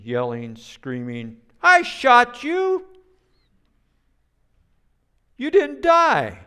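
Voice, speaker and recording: An older man preaching a sermon as a pastor, speaking in a slow, deliberate way, with playful sound effects now and then. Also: medium pitch, gravelly, a little mellow.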